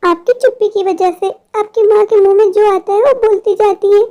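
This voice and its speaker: A woman's voice: very high voice, fairly even intonation, brisk, dark tone. A woman voicing an indignant young daughter-in-law in a cartoon story, complaining about her in-laws. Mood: pleading.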